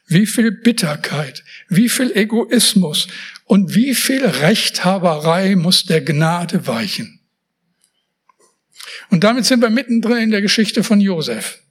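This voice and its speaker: A man's voice: high voice, breathy edge. A man preaching a sermon, emphatic and speaking straight to his listeners with casual asides.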